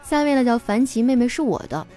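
A woman's voice: fairly high pitch, fast talker, dark tone, soft background music, a faint crowd. A young woman hosts a casual show, reading listener jokes aloud and laughing through her lines. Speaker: radio-style host reading listener jokes.

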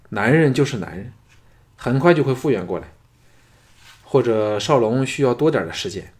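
A man's voice: on the low side, darkish tone, lightly acted. A man voicing a talkative young male noble in an audiobook, earnest and worried as he speaks. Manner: worried and candid.

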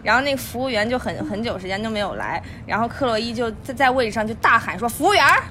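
High, animated woman chatting fast. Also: very noisy. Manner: animated, laughing storyteller. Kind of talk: casual chat.

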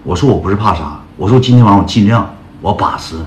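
A man's voice: fairly low pitch, lively intonation, quick pace. A man casually tells a rambling personal story, full of slang and calling his listeners brothers. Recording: echoey room with guitar music.

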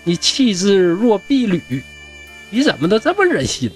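A man's voice: high voice, wildly swooping pitch, unhurried, faint music behind, pitched above the performer's own voice, heavily acted. A man playing hearty scholar Zhou, Northeastern accent. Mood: pleading, hearty. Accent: Northeastern Mandarin. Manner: hearty, pleading, colloquial. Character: blunt, warm-hearted middle-aged scholar Zhou.

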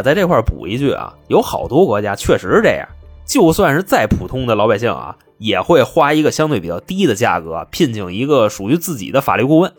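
A male storyteller, chatty and wry in a colloquial way. His husky voice swings through a wide, animated range, with faint music playing behind. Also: mid-range voice. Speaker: storyteller host. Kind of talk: comic crime storytelling.

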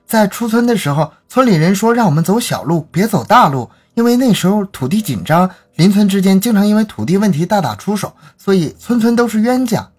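A man's voice: sits high, sing-song, brisk, hardly any pauses, darkish tone, slightly rough, pitched above the performer's own voice, full character voice. A man voicing a defiant young boy who insists on his past life, speaking indignantly.

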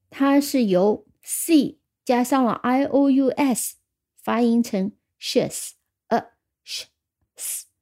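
A woman's voice: fairly high pitch, dark tone. Patient woman teaching English vocabulary. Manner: explains patiently, spells words out slowly letter by letter. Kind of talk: recorded vocabulary lesson.

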